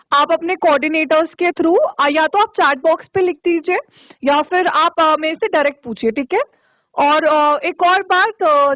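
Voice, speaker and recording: High-voiced woman teacher on a tinny line. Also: no room sound. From Uttarakhand, India. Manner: patient, checks often with "okay?". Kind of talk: online spoken English class for children. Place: studio for a virtual classroom. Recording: tinny, dry, phone-like line.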